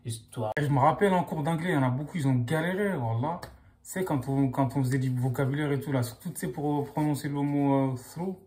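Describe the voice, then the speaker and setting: A man's voice: medium pitch, quick pace, a little mellow. A young man, chatting casually to camera in loose, slangy speech full of fillers. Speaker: vlogger.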